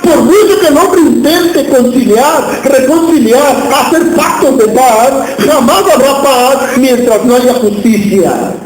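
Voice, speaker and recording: High-voiced preacher in an echoey church. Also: male voice, slow, few pauses, soft background music. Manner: preaching with questions to the congregation. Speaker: pastor. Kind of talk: sermon.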